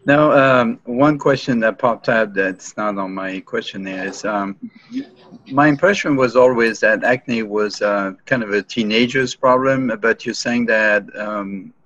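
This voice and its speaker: A man co-hosting a podcast interview, asking questions haltingly with many fillers and restarts. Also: on the low side, a bit bright, a little hiss or hum. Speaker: podcast co-host. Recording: lo-fi muffled sound.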